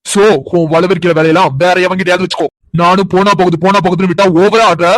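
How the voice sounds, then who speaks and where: A man's voice: high voice, dry recording, lightly acted. A man voicing a sneering, harsh young husband. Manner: scolding, sneering tirades. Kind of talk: cartoon drama voice acting.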